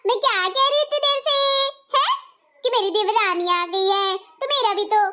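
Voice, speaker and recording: A woman playing a sharp-tongued young wife who whines and nags with quick comebacks in a comic skit. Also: very high voice, heavily acted. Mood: nagging. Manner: whiny, nagging, quick comebacks.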